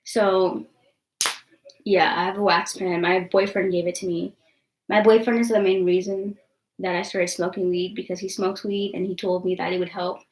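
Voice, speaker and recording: A woman's voice: lowish voice, level tone, moderate pace, echoey room, low-quality recording. A young woman vlogger in casual live-stream chat, blunt and defiant, swearing freely and rambling with many likes and ums.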